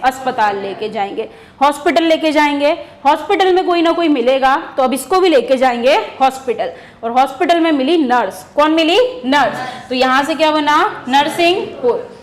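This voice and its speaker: High-voiced woman teaching with call-and-answer. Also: lively intonation, moderate pace. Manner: asks questions and answers them herself, repeating key words. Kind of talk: exam-prep lesson using memory stories.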